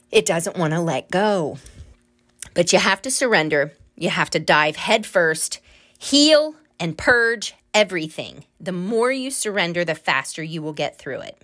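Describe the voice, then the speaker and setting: A woman with a fairly low voice hosts a solo podcast about spiritual healing. She talks in a loose, chatty way, earnest and encouraging. She pokes fun at herself now and then. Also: fairly bright tone. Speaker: podcast host and Reiki healer. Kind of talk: casual solo podcast monologue.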